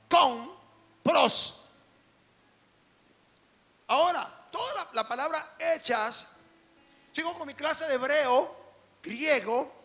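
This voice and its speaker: An apostle preaches emphatically in a high, gravelly voice that sounds bright and forceful. He alternates between quiet stretches and shouted peaks, with the long reverb of a large hall behind him.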